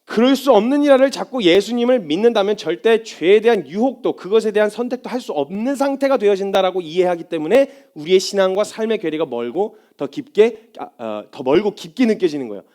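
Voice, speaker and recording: A man's voice: high voice, animated, fairly quick, hardly any pauses, darkish tone. A man preaching as a missionary, in a conversational style that often slips into acting out inner thoughts. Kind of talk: sermon.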